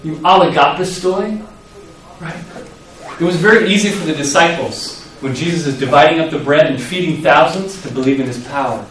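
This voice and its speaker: A man preaching a sermon, telling the story vividly and acting out the quoted lines with sudden loud rises. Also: a little high, brisk. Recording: echoey hall, voice from far off.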